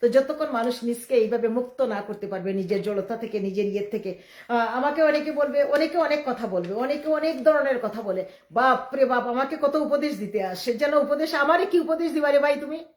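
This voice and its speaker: A middle-aged woman from Bangladesh, speaking in a rambling live-stream monologue. She talks quickly and emphatically, often defiant, with many restarts. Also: on the high side, darkish tone. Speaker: livestreamer. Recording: echoey room.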